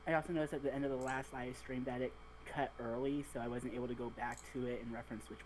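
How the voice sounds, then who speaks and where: Tabletop player, mid-pitched and measured, faint hum behind. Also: fairly even intonation, a little mellow, low-quality recording.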